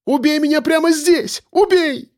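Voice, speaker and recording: A man voicing a frightened young woman who pleads with her captor, high and strained, tearful. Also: animated, normal speed, a little mellow, dry recording, studio quality. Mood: desperate. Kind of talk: audiobook character voice.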